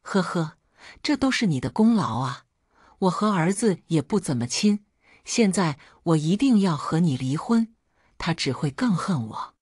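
A woman's voice: on the low side, unhurried, husky, no echo, clean studio sound, exaggerated voice. A woman voicing a cold, weary husband. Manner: cold, flat-voiced. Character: weary middle-aged husband, cold and resolved.

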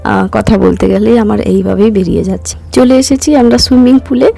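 A woman in her thirties, hoarse from a cough, chatting casually as a vlogger and walking viewers through each step. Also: medium pitch, brisk, warm tone, soft background music. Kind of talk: casual vlog narration.

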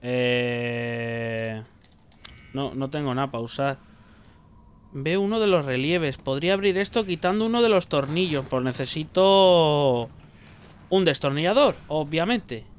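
A man's voice: on the high side, a little slow, clear, resonant tone. A man giving casual gameplay commentary, muttering to himself, joking and swearing as he plays. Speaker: gaming streamer.

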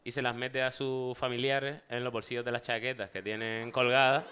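A man's voice: mid-range voice, normal speed, smooth. A man telling funny childhood stories in casual chat, acting out the voices of people in them. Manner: animated storyteller, acts out voices in anecdotes. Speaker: talk show guest.

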